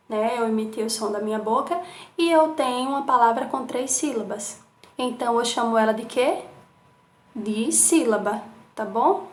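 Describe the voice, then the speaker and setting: A young woman teaching a lesson, spelling words out slowly and checking in with "tá certo?" often. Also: fairly high pitch, echoey room. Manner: slow syllable-by-syllable enunciation with frequent "tá certo?" checks. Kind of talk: remote class lesson.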